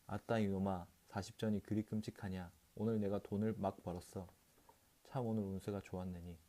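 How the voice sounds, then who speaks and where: A man's voice: low-pitched, steady tone, brisk, lightly acted. A man reading the part of a drunken, boisterous rickshaw puller who blusters and curses, in an audiobook. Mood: boastful drunk. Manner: blustering, cursing, shouting.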